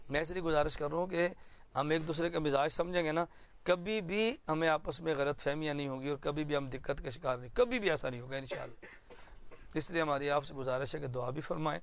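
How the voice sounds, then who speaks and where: A man, an Islamic cleric, gives an earnest, explanatory address to supporters at an indoor planning meeting and illustrates his points with stories. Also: a little high.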